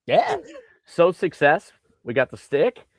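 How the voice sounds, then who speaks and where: A man co-hosting a casual sports podcast, telling an animated story with lots of fillers and acted-out quotes. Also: a little high, takes it slowly, slightly rough, dry recording. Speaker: podcast co-host.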